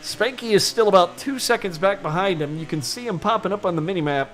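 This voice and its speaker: A man calling a sim racing event as play-by-play commentator, excitable and quick to exclaim. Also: sits high, a little hiss or hum.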